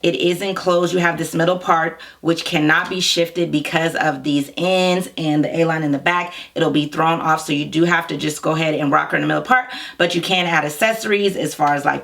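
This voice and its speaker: A woman with a hoarse, froggy voice, getting over being sick, chatting informally to viewers in a casual product review. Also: deep voice, steady tone, brisk, hardly any pauses, fairly bright tone. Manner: chatty, informal, direct address. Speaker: wig reviewer, hair care company founder.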